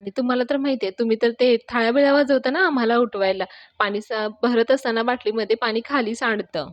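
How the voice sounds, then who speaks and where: A woman's voice: a little high, fairly even intonation, quick pace, no room sound, highs cut off, close to an everyday voice. A woman reading the lines of a cheerful young man, breezy and joking.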